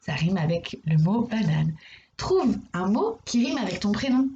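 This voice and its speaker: A woman's voice: medium pitch, big pitch swings, mellow, lo-fi sound. A woman with a French accent, a primary school teacher giving a video lesson to young children, speaking patiently and repeating words for emphasis. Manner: slow, patient, addresses the child directly.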